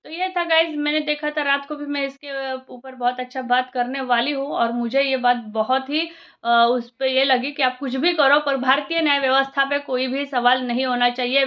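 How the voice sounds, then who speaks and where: High-voiced woman scolding in a reaction vlog. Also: muffled recording. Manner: indignant, scolding, rhetorical questions; mixes in English phrases. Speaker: vlogger reacting to a video. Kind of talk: heated reaction monologue.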